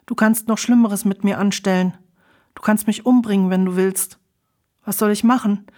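A woman reading the part of a frightened, battered young man who pleads anxiously in halting phrases in a storybook. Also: mid-range voice, fairly even intonation, mellow, lightly acted. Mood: fearful.

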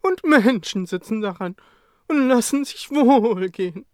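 A storyteller voicing an old female work horse in a raised, drawn-out, cheerful voice. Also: medium pitch, lively intonation, clean tone, no room sound, studio quality, voice pushed up, close to an everyday voice. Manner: slow, drawn-out, upbeat coaxing. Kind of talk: storybook reading.

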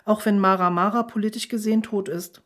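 A woman reading a storybook, voicing a commanding woman who speaks in a firm, measured way. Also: medium pitch, steady tone, lightly acted. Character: commanding woman, cool and authoritative.

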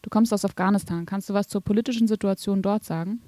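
A woman interviewer asking direct, brisk questions. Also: medium pitch, steady tone, warm tone, no echo.

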